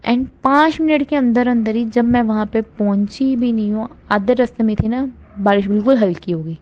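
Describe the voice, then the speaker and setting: A woman telling listeners about her devotional experiences in a casual, earnest and grateful way, often rising with excitement. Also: on the high side, normal speed, highs cut off. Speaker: devotee sharing a testimony. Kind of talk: casual spoken testimony.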